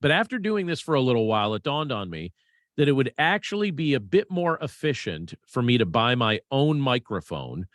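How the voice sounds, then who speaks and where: A man talking through practical voiceover tips in a conversational, measured way. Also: mid-range voice, big pitch swings, fairly bright tone, dry recording, clean studio sound. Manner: conversational, measured, with fillers and restarts. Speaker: voiceover instructor. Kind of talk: casual instructional talk.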